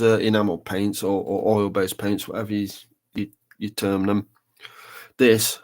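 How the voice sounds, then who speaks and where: A man chatting casually on a live stream while painting a model, rambling and thinking aloud as he works. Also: lowish voice. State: talking with a brush in his mouth.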